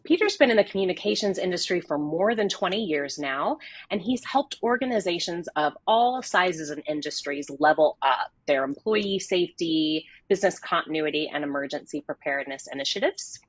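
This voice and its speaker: A woman's voice: lowish voice, animated, normal speed, dry recording. Upbeat woman moderating a webinar. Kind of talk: hosting a business webinar. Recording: slightly dull, dry audio.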